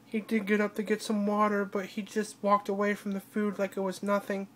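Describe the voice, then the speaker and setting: A tearful woman records a personal video diary in a flat, even voice that barely rises or falls. She speaks haltingly, trailing off and starting her sentences over as she cries. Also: medium pitch, slight background noise. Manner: halting, with broken-off restarts. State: crying. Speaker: vlogger.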